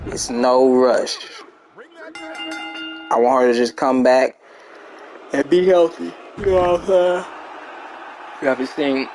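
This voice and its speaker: A man's voice: on the high side, a little hiss or hum, low-quality recording. A young man chatting casually and rambling to his viewers while streaming a game. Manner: laid-back, rambling, talks to chat. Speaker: gaming streamer. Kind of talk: casual gameplay chat with viewers.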